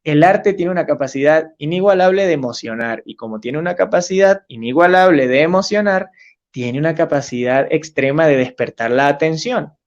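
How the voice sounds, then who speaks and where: A man's voice: a little high, normal speed. A man teaching a webinar, enthusiastic and repetitive, breaking into song with a guitar. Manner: enthusiastic, repeats key ideas, sings examples with guitar. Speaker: teacher and music educator. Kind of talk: online teacher-training webinar talk. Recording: dull lo-fi webinar audio.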